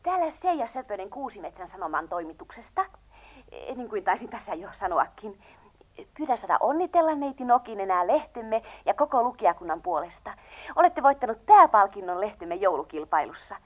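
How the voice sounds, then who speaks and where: A woman's voice: medium pitch, big pitch swings. An actress playing a polite, businesslike female newspaper reporter in a radio play. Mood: courteous. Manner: courteous, businesslike.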